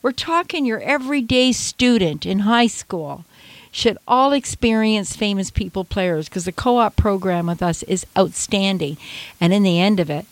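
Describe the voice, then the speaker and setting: Speaking at a moderate pace in a mid-range voice, an older woman from Canada appears as a radio interview guest. She's an animated storyteller who acts out her past self and laughs frequently, and the recording has no room sound.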